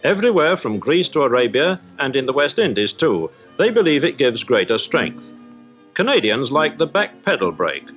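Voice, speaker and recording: A very animated man with a British accent and a medium-pitched, fairly bright voice delivers a formal, explanatory scripted report at a moderate pace. He's an industrial correspondent on a 1950s newsreel, its dull soundtrack carrying music behind him.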